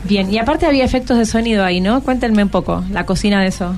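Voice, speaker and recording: A woman with a Rioplatense Argentine accent hosts a casual radio interview with schoolchildren, encouraging them and asking lots of questions. She speaks quickly at a medium pitch with a darkish tone, over soft background music.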